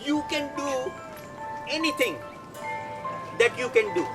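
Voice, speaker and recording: Man as a high-voiced, slow mystic gatekeeper. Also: expressive, over loud music, full character voice. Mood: grand, mystical. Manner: grandiose mystic pronouncements, comically earnest. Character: mystical gatekeeper of the veil, dim-witted fortune teller. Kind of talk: improvised comic live performance.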